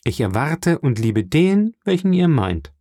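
In an audiobook reading, a male narrator lifts his voice to play a proud, steadfast young fisher girl. Unhurried, earnest, and pleading, she refuses calmly yet firmly without yielding, in a full character voice. The recording is dry and close, with no room sound.

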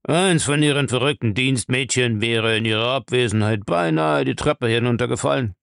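A man reading aloud and voicing a gruff, menacing old castle owner who grumbles slowly. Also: mid-range voice, fairly bright tone, dry recording, studio quality.

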